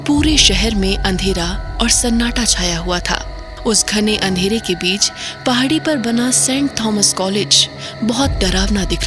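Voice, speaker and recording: A female narrator with a medium-pitched voice tells a horror audio drama steadily and measuredly, building suspense line by line, while background music plays under her throughout.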